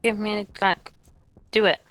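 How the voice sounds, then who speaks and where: A woman's voice: mid-range voice, level tone, a little slow, fairly bright tone. A woman playing a game with her husband, blunt, sweary and impatient in casual chat. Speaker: co-host, player.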